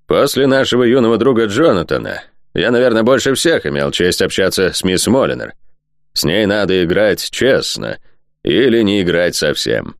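A courteous, fair-minded old duke from an audiobook, measured and polite, as a male narrator reads him. His low voice stays calm but lively, with a dry, close sound. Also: no room sound.

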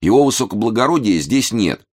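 A man's voice: fairly low pitch, expressive, fairly quick, voice pushed up. A man voicing a nervous young clerk who pleads earnestly and politely. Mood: pleading.

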